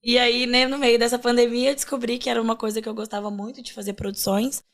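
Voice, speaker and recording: A woman's voice: a little high, little pitch movement, fast. A woman in her twenties chatting casually as a podcast guest, jokey and talkative. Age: 20s. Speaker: content manager.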